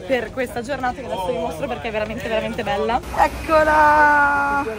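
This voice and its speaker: High-voiced young woman vlogging casually. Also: fairly even intonation, rapid-fire, crowd noise. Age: 20s. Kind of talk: casual vlog chat to camera. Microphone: phone at arm's length.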